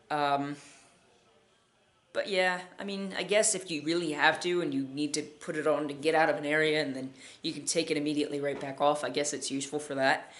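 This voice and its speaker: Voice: mid-range voice, fairly bright tone. Hesitant amateur collector giving a casual review. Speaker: gas mask collector and reviewer.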